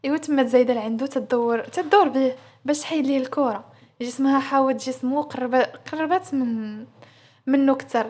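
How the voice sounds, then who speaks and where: Brief: young Moroccan woman narrator, quick and husky. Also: high-pitched, darkish tone. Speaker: storyteller. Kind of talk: romance story narration.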